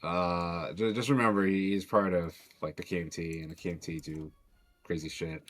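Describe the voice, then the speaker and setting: Deep-voiced mod dev, rambling casual stream talk, swears. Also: male voice, fairly even intonation, moderate pace, a bit bright, faint music behind. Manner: rambling, loose talk full of fillers and swearing.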